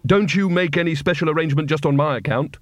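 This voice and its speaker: A man's voice: a little high, fast talker, dry recording, pitched above the performer's own voice, natural voice. A man voicing a nervous, cowardly male wizard who speaks in an anxious, hesitant, stammering way.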